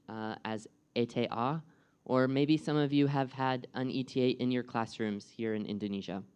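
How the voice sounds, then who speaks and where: A young American man from the United States, serving as guest speaker and program coordinator, gives a live presentation and engages the audience with friendly questions. His voice is medium in pitch, smooth, and a little mellow.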